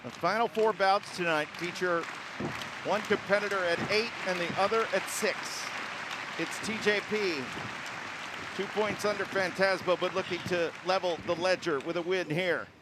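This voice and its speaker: A man doing live play-by-play wrestling commentary, calling the moves with excitable bursts. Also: sits high. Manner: excitable, quick calls of the action. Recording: loud arena crowd and noise.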